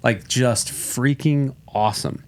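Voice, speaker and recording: A man's voice: mid-range voice, slow pace. Enthusiastic man gushing over a song. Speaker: podcast co-host. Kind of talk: casual chat.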